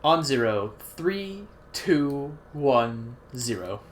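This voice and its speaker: A woman's voice: a bass voice, sing-song, very slow, noisy background. A woman reading along on a stream, playful and teasing, calling out commands. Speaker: co-reader on stream. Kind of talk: casual chat and reading commands aloud.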